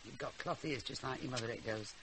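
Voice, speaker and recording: A woman's voice: a bass voice, fast, crowd noise. An actress playing a blunt, teasing old grandmother with an earthy, bossy way of talking, in a radio drama. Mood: scornful. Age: older. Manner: tart, earthy, bossy banter. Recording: noisy radio drama recording.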